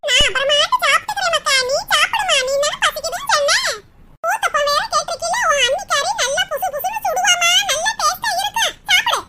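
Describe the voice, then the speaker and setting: A meddling cartoon mother-in-law needles and stirs trouble in a shrill, sped-up squeak with a Tirunelveli Tamil accent. Her talk is sly and pointed. Loud noise sits under the voice. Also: animated, a little fast. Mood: needling.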